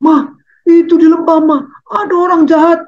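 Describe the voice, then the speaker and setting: A preacher voicing a frightened small child in a sermon story, high and pleading. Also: steady tone, moderate pace. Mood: scared, pleading. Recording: dull lo-fi recording.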